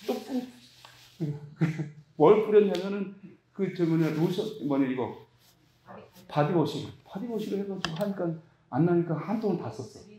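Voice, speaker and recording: Echoey male preacher, warm low tone. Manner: storytelling, emphatic, rising to high excited pitch. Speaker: pastor. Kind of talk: sermon.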